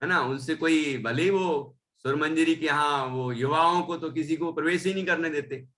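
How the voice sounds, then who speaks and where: A man's voice: on the high side, moderate pace, fairly bright tone. A man teaching a Jain scripture class, reading a verse and then explaining it, often adding "है ना?". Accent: Indian Hindi. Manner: reads a verse, then explains with tag questions.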